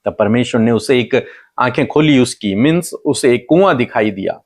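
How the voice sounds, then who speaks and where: A man's voice: expressive, normal speed. A middle-aged male pastor preaching a sermon with impassioned repetition. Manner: impassioned, repeating phrases, pitch leaping up for emphasis.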